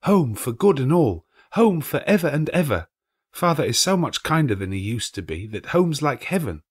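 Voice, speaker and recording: A man's voice: medium pitch, sing-song, normal speed, husky, voice pushed up. A man voicing an eager little girl, bubbling with joy. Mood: gleeful.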